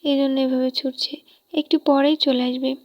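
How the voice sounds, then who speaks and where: A woman reading a storybook, voicing a calm, reassuring middle-aged mother. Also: high-pitched, moderate pace, no echo. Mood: gentle. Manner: gentle, reassuring. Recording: dull lo-fi recording.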